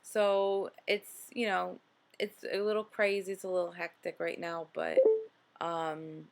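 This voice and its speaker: Speaking to camera in her relaxed motivational vlog, this New Jersey woman in her late twenties sounds fairly low and gravelly, with little movement in pitch. She's earnest and unhurried, filling gaps with fillers and checking in with "okay?"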